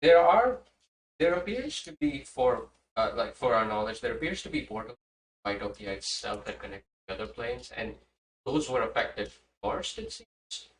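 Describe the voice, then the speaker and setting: A man playing in a tabletop game, summing up the story in a halting way with many pauses. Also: medium pitch, very animated. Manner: halting, full of "uh"s. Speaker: player. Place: room at a live-streamed game table. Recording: roomy sound, distant mic, faint hiss.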